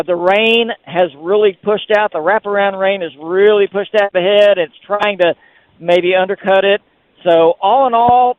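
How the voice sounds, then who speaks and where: A man reporting live as a storm chaser from the field, giving a calm, matter-of-fact account. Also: high voice, dry recording. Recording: dry, tinny phone-line feed from the field.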